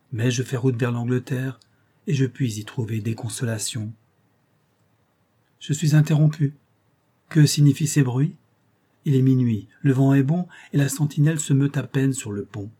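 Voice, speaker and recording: A man reading a classic novel aloud as an audiobook narrator, in a measured, solemn way. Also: medium pitch, dark tone, husky.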